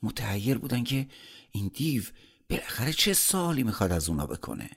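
A man narrating a folk tale for an audiobook, expressive, with dramatic shifts in pitch and volume. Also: husky.

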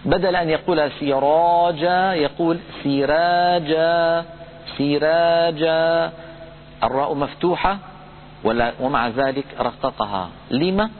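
A man giving a recitation lesson, explaining pronunciation rules in a calm lecture and chanting example words slowly. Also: fairly high pitch, a little hiss or hum. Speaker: Quran recitation teacher. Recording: tinny phone-like lo-fi audio.

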